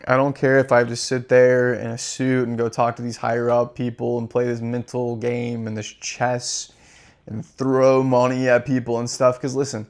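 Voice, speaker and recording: A man's voice: medium pitch, monotone, normal speed, darkish tone. A man hosting his own channel, delivering an impassioned, profane and repetitive rant. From United States. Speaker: crypto channel host. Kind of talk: impassioned monologue.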